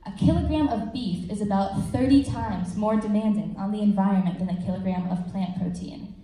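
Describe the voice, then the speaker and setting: A woman's voice: medium pitch, a little fast, warm tone. A young woman, a student of upper-school age, giving an earnest prepared persuasive speech at a school assembly with casual asides. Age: teens to young adult, upper-school student. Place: large room at a school assembly. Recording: very echoey hall, faint noise.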